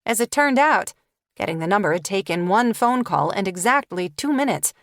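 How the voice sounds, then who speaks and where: A woman reading a novel aloud as an audiobook narrator, with expressive storytelling. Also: medium pitch, normal speed, no room sound, studio quality. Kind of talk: scripted narration.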